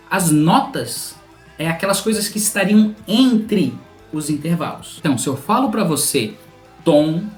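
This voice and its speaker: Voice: mid-range voice, a little mellow. A music teacher with a Brazilian Portuguese accent, methodically explaining music theory straight to the viewer. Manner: patient, methodical, speaks directly to the viewer. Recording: roomy sound with a faint instrumental drone.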